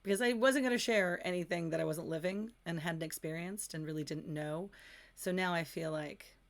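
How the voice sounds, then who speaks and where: A woman's voice: fairly low pitch, moderate pace, gravelly. A woman teaching manifestation in a casual, candid, conversational way, with a touch of self-deprecation.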